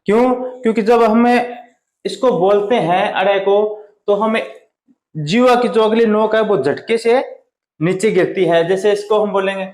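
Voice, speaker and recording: A man teaching a Hindi grammar lesson at the board, asking questions and answering them himself, slowing down hard on key words. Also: sits high, darkish tone, roomy sound. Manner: drawn out slow on key words.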